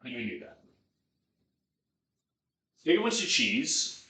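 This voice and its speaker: A man's voice: medium pitch, sing-song, takes it slowly, pushed and bright. A man chatting casually and thinking aloud as he streams, with some swearing. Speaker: streamer cooking on a livestream. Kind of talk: casual rambling chat to self and viewers. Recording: echoey room sound.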